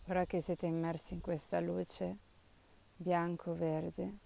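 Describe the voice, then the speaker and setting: A woman guides a meditation softly and soothingly, leaving long pauses. Her tone is mellow and stays very level, with little melodic movement. Faint outdoor ambience with crickets sits behind her voice. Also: fairly low pitch, creaky, a little hiss or hum. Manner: soft, calm, soothing instruction with long pauses.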